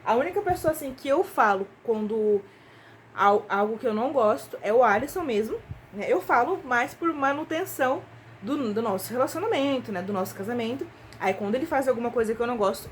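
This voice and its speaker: A woman's voice: a little high, lively intonation, brisk, slight background noise. A young Brazilian woman talking casually and intimately to her viewers, often hesitating and repeating words. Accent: Brazilian Portuguese. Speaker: vlogger. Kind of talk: casual confessional chat to viewers.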